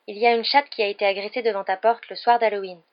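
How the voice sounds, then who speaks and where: A woman's voice: mid-range voice, fairly even intonation, quick pace, close to an everyday voice. A clever schoolgirl from a storybook, careful and earnest as she lays out her plans, as a woman reading aloud voices her. The recording is dull and lo-fi.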